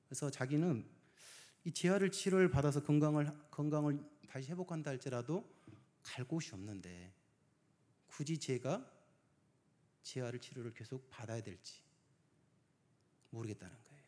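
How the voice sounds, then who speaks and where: A male pastor preaching a sermon. He swings between hushed, near-whispered phrases and loud emphasis, and asks the congregation many rhetorical questions. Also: mid-range voice.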